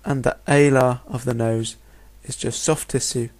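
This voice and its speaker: A man's voice: mid-range voice, steady tone, a little slow, darkish tone. A man with a mid-range voice delivers a narrated medical lecture. He explains step by step in an orderly, instructional way, often framing points as questions. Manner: clear, methodical, instructional, posing rhetorical questions. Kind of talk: narrated lecture over slides.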